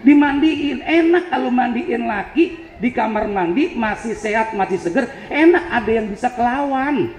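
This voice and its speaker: A man's voice: extremely high pitch, animated, normal speed, a little mellow, a little hiss or hum. A male preacher telling a joking, teasing story in a sermon. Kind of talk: humorous sermon. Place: event hall on a campus. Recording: echoey hall with faint crowd.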